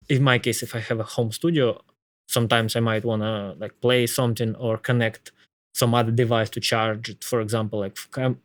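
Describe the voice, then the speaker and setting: Male, Slavic accent, casual tech talker, mid-range voice, halting and repetitive delivery, close dry sound. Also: mid-range voice, no echo. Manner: halting, thinking aloud with frequent repetitions.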